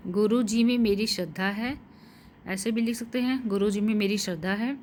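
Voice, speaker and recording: A woman teaching Hindi spelling and grammar, slowly repeating each word and correct sentence and spelling out the vowel marks. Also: mid-range voice, darkish tone, slight background noise. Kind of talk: slow dictation-style lesson.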